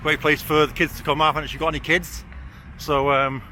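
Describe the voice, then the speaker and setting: A forty-year-old man walks city streets and vlogs casually in a slightly high voice, talking quickly with a flat, pushed, bright delivery. He's blunt and self-deprecating and swears easily, with a weak R he can't roll or say clearly. City and traffic noise is heard throughout.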